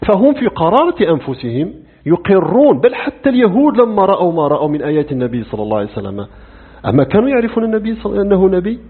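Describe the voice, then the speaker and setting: A middle-aged man lectures on creed, quick and full of rises and falls in pitch. He keeps asking his class questions and answering them himself, with a slightly higher voice than most men. The recording is thin and lo-fi, like a phone line. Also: breathy edge. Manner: animated, poses rhetorical questions and answers them. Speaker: religious teacher.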